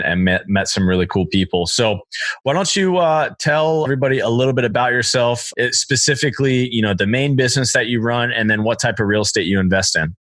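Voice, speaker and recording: A young man hosting a podcast, upbeat and casual, using relaxed slang. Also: fairly low pitch. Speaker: podcast host. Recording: music bed behind voice.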